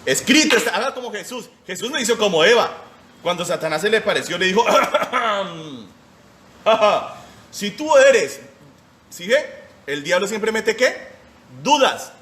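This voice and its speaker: A man's voice: sits high, animated, measured pace, bright, forceful tone. A man in his forties preaching a short sermon as pastor, emphatic and firing rhetorical questions at his listeners. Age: 40s.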